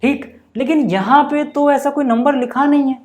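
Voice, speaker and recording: A man's voice: very high-pitched, fairly even intonation, darkish tone. Patient male maths teacher, constant check-ins. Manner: keeps checking in with rhetorical questions; patient, repeats examples slowly. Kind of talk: whiteboard maths lesson.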